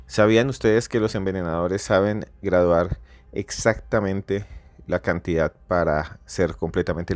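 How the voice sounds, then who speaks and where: A man hosting a podcast, telling a story with theatrical, repetitive build-ups that swell to near-shouting. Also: lowish voice, no room sound. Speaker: podcast host. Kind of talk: dramatic storytelling narration.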